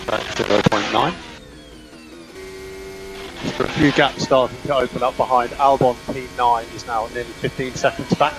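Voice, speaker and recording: A man's voice: medium pitch, poor audio. A man working as a race engineer, giving terse, repeated instructions in clipped team radio messages over engine roar. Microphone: radio headset.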